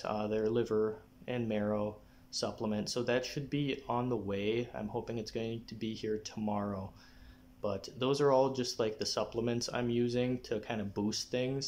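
A young adult man talking casually to camera in a personal update, often clearing his throat. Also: lowish voice. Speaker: vlogger giving a personal health update. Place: small living room, indoors. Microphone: phone or camera at arm's length.

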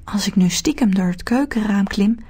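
A woman's voice: medium pitch, moderate pace, warm tone, husky, lightly acted. A woman voicing a curious little girl who talks in a wondering, slightly hesitant way.

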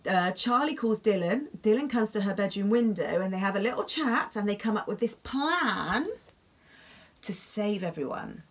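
A woman reads a bedtime story to young children in an expressive, animated way. She gasps at the exciting parts and keeps stopping to ask little listeners what they can see in the pictures. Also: mid-range voice. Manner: expressive, gasping, asks the listener questions about the pictures.

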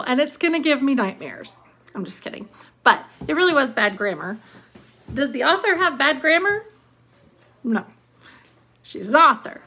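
Her voice on the high side, pushed and bright, a thirtysomething elementary teacher runs a read-along lesson. She reads and explains with stress on key words while questioning the students.

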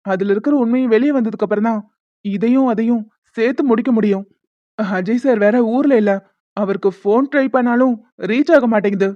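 A woman voicing a reassuring young man in an animated drama. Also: a little high, no echo, lightly acted. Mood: earnest. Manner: brisk, reassuring. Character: young man, caring brother figure. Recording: dull lo-fi dry sound.

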